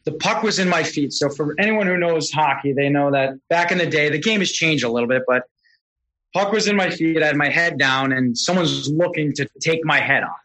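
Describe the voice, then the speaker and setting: Podcast guest, middle-aged man, lively stories, brightish slightly high voice. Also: fairly quick, poor audio. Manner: animated, self-correcting storyteller. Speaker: podcast guest, real estate investor. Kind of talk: casual storytelling.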